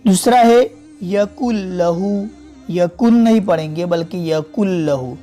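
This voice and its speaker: A man teaching a Quran reading lesson step by step, slowly repeating and drawing out each example word. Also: on the high side, darkish tone, faint music behind. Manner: slow, patient, repeats and stretches out example words.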